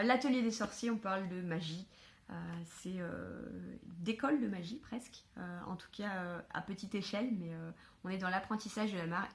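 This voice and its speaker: A woman chatting casually to camera at home about books she was given, filling pauses with hesitations. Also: mid-range voice. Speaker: book vlogger. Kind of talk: casual book haul chat.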